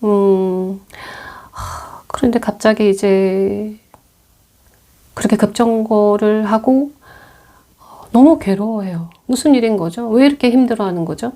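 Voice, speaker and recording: Middle-aged female storyteller recapping a film, casual and chatty, mellow low-key timbre. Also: measured pace, long pauses. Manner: chatty, many fillers, acts out quotes. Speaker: movie mentor retelling films. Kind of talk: audio film retelling.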